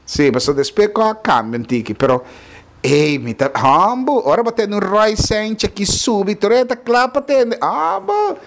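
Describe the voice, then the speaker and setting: High-voiced, chatty male show host. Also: moderate pace. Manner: lively, chatty, breaks into exclamations. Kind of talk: casual rundown of news and events.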